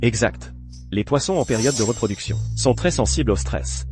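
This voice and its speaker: Man playing a calm young hero. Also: mid-range voice, moderate pace, close to an everyday voice. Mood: explaining. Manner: calm, matter-of-fact. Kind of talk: French dub of a drama. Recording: clear background music.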